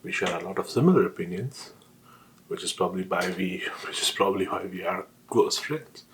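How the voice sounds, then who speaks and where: A man's voice: low-pitched, lively intonation, brisk, a bit bright, a little hiss or hum, rough recording. A man on a casual solo rant, talking while eating with his mouth sometimes full, often asking questions and answering them himself. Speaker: vlogger.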